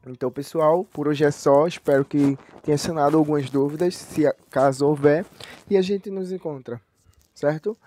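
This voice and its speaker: A man teaching a grammar lesson online, explaining step by step, checking in with his listeners often, and reading example sentences slowly. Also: a little high, warm tone. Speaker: language teacher.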